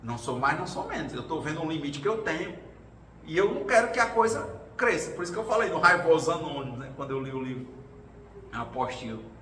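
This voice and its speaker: A man's voice: a little high, big pitch swings, fast talker, a bit bright. A man giving an informal talk at a spiritual gathering, telling stories from his life and acting out the voices of others. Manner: conversational storytelling, acts out quoted voices. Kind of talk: informal talk sharing personal experience. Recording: roomy hall, distant mic, faint noise.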